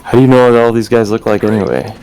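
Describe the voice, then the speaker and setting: Low-voiced laid-back male streamer. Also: quick pace, a little mellow, poor audio. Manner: laid-back slangy banter. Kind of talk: casual chat.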